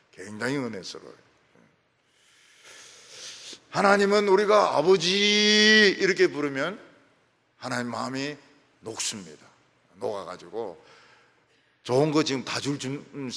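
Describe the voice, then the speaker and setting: Lively, gravelly Korean pastor preaching. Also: male voice, medium pitch, normal speed, long pauses. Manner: lively preaching, swings between loud emphasis and soft trailing ends. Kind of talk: sermon. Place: church sanctuary. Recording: reverberant church hall.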